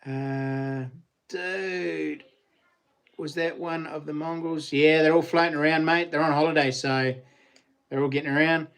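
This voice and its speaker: A man's voice: a little high, fairly even intonation, a little slow, vocal fry, fairly bright tone, clean tone. A man with a broad New Zealand accent hosting a casual live chat, talking to viewers in matey Kiwi slang. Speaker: live stream host.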